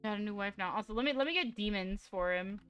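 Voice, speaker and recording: A woman's voice: mid-range voice, fast, a bit bright, clear, resonant tone, highs cut off. A woman hosting a casual podcast chat, giggly, with fillers when she steers the talk. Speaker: podcast host. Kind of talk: casual chat among streamers.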